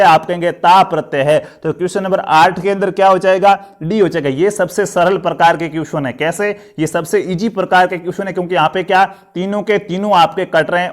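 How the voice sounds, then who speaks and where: A man teaching a live online grammar class. He keeps asking questions and answering them himself, and he encourages the students. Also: high voice.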